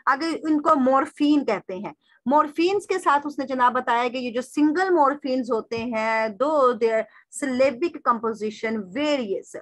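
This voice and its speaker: Woman lecturer, high voice, dry close sound. Poses her own questions and answers them, drills example words slowly. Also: a bit bright, dry recording. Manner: addresses listeners as "sir" in a formal way. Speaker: teacher. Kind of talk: recorded lecture reading through a text.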